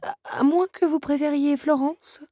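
A woman's voice: high-pitched, fairly even intonation, a little slow, warm tone, no room sound, clean studio sound, pitched above the performer's own voice. A woman voicing a haughty, elegant countess who speaks in a lofty, theatrical way. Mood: grand. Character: haughty elegant older countess, grand and gushing.

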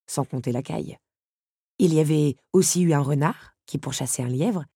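A woman narrating a storybook in a measured, even voice. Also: deep voice, breathy edge, no echo, studio quality. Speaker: audiobook narrator. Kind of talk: scripted narration.

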